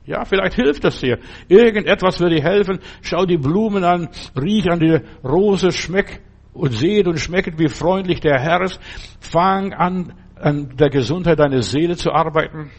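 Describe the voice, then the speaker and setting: A man's voice: a little high, unhurried. A man preaching a sermon, urging the listener directly and repeating his key phrases.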